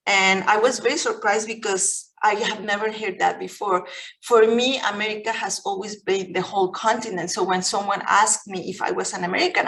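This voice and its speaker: Over a low-quality video call, a guest lecturer from Mexico, middle-aged and Spanish-speaking from birth, gives a thoughtful public talk in a Mexican Spanish accent. Her creaky mid-range voice comes out gently, broken by frequent pauses and restarts.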